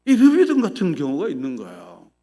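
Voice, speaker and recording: A male pastor preaching a sermon in an animated way, acting out people's cries in a changing voice. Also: sits high, fairly quick.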